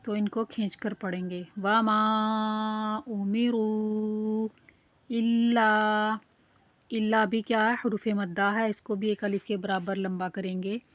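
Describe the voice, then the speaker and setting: A woman teaching Quran recitation, explaining each sound patiently and reciting the verses slowly and carefully. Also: medium pitch, steady tone. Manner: patient, repeats "theek hai" to check understanding. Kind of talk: slow, careful tajweed lesson with drawn-out recitation.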